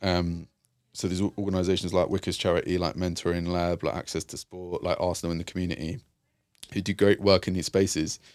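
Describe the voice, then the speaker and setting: This male guest, a youth and community worker, speaks in a very deep, low voice with a level, somewhat dark tone. Thoughtful and hesitant, he keeps restarting and leaning on fillers as he describes his work in an interview-style conversation. The sound is dry and close-miked, with no sense of a room.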